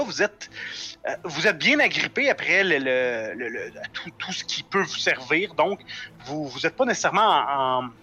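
Male game master, bright and animated, improvising with halting repeats. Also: sits high. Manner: halting, repeating phrases as he searches for words. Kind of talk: improvised tabletop game narration.

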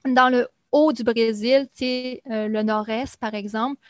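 A young adult woman, explaining things in a relaxed conversation, chatty and full of fillers. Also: fairly high pitch, a little slow, no room sound, studio quality. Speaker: guest recounting life in Brazil. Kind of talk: casual conversation.

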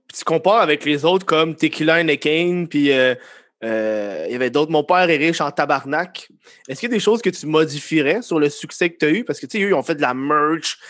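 A man interviewing a guest in a relaxed, chatty and joking way. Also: a little high, dry recording. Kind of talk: casual interview.

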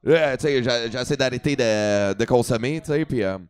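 A man's voice: medium pitch, moderate pace, smooth. Quebecois man telling a wild story. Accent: Quebec French. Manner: lively storytelling, switching between French and English, swearing. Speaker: comedian. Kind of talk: storytelling on a talk show.

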